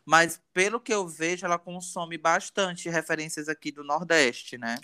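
A man chatting on a podcast, his voice bright and clear. He talks in a playful, lively way with a slightly high pitch. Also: normal speed. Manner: lively, playful, laughs often. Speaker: podcast co-host. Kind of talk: casual chat.

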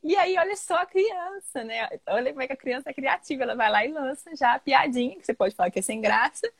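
Animated woman chatting on a podcast. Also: fast, creaky, dry recording, studio quality. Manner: animated storytelling, often ends with "né?"; acts out children's voices with big pitch jumps. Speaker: podcast host. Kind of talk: casual podcast conversation.

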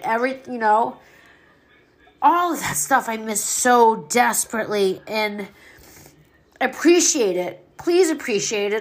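A middle-aged woman with a slightly high voice speaks in a raw, personal monologue about loss. She is blunt and mouthy, swearing freely. Her talk is emotional, and at times she sounds short of breath. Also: a bit bright. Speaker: podcast host.

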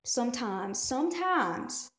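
A woman giving a motivational talk straight to her listeners, animated and full of rhetorical questions. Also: a little high, slow pace, roomy sound. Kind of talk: motivational direct-to-camera talk.

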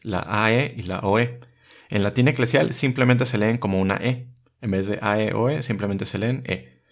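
A man, patiently teaching letter by letter in a calm lesson video. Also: lowish voice, gravelly. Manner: patient, methodical, spells out letters one by one. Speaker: religious teacher.

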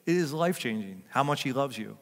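An older man preaching a sermon as pastor, chatting and joking with his congregation, then rising to loud emphatic peaks. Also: medium pitch, expressive, fast, in a large hall. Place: church sanctuary.

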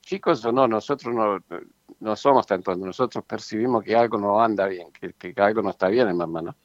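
A man's voice: on the low side, a little fast, no room sound. A man who explains his points earnestly in a casual discussion, with many fillers and rhetorical tags. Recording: dull lo-fi sound.

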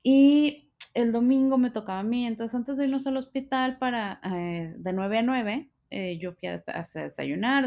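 A woman's voice: a little high, creaky, darkish tone. A woman with a Mexican Spanish accent tells a personal story with emotion, full of fillers and tag questions.

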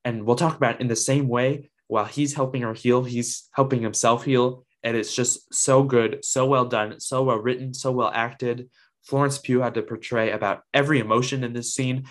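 A man reviewing a TV episode in a casual video, praising it with enthusiasm and lots of ums. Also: mid-range voice.

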